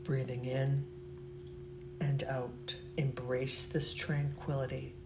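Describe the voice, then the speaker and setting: A yoga nidra instructor leading a guided meditation in a soothing, gentle, deliberate way with long pauses. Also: mid-range voice. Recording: muffled, noisy recording with steady humming tone.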